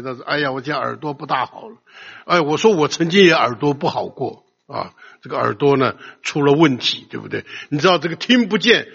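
Loud older man preaching a sermon. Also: a little high, vocal fry, breathy edge. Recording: long hall reverb, dull lo-fi sound.

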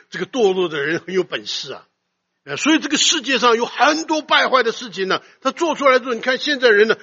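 A man preaching a sermon, swinging between loud emphasis and soft low asides and putting questions to his listeners. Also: vocal fry, slightly rough. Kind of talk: expository sermon. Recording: dull lo-fi recording.

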